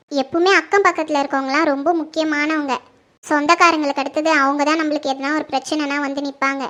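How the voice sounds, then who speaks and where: A rich but humble middle-aged mother speaks calmly and graciously to her neighbor, as a performer puts her on. Her voice is high and bright, and her manner is reassuring and unhurried in this homemade skit. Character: wealthy, kind middle-aged mother seeking a bride. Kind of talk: home-made Tamil family skit acting.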